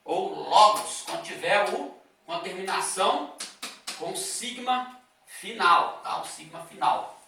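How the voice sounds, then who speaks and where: Slow, high-voiced teacher in an echoey room. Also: male voice, animated, creaky, bright, forceful tone, recorded from a distance, slight background noise. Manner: explains step by step, with frequent "tá?" and "ó" checks. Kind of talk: classroom lecture.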